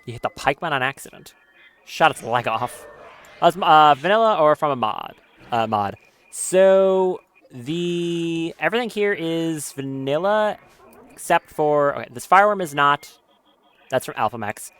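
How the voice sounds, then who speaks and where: A man's voice: on the high side, animated, moderate pace, fairly bright tone. A man giving casual live commentary on his gameplay stream, swearing often and talking nervously as he goes.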